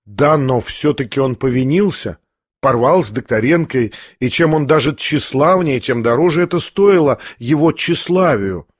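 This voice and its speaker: A gentle, earnest young prince, read by a man speaks softly in a low, husky voice. He reasons mildly and patiently. The sound is dry and close. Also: expressive, moderate pace, dry recording, natural voice.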